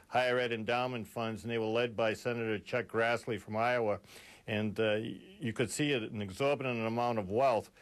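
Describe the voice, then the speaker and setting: Halting male politician guest. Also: mid-range voice. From Massachusetts. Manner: halting, lots of uh and restarts. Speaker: state legislator, interview guest. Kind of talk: interview answers.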